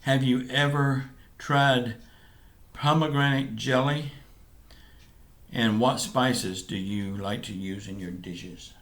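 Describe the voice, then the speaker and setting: A vlog co-host with a Southern US accent casually answers viewer questions in a mid-range, steady, fairly bright voice. He is easygoing and a bit rambling, his casual chat halting and sprinkled with fillers.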